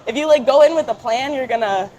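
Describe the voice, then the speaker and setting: A young woman with a fairly high voice talks in a casual interview. Her phrasing is informal and youthful, with frequent fillers as she shares her thoughts as a guest. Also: fast, darkish tone, lo-fi sound. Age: young adult.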